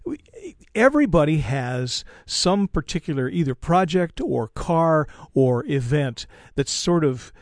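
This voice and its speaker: Older male host, a bit high-pitched, dry close sound. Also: a little mellow, dry recording. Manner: conversational, chatty with fillers. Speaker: interview host. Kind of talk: casual interview chat.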